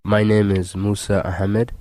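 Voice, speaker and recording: A young man from Ethiopia, a student, reading his letter-form monologue in a slow, deliberate way. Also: fairly low pitch, flat delivery, darkish tone, no echo. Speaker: college student performer.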